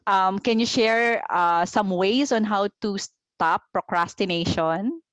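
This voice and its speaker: Gentle Filipino woman host, dry sound. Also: mid-range voice, slow pace, dry recording. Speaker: homeschooling host interviewing a student. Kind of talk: casual interview chat.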